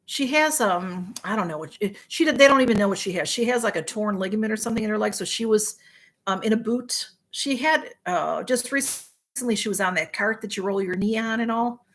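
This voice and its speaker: On a livestream, a tired middle-aged woman chats casually with her live viewers, rambling with fillers and greeting people by name. Her medium-pitched voice is expressive and fairly bright, moving a little fast.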